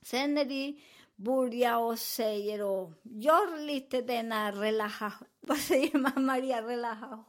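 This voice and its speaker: A high-pitched woman therapist with a way of speaking, recounting her clients' stories. She talks earnestly and leans on repeated words for emphasis. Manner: non-native Swedish grammar. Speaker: hypnotherapist.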